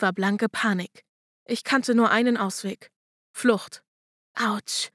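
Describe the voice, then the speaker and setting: A woman's voice: on the high side, fairly bright tone, no room sound, clean studio sound. Woman narrating a first-person audiobook.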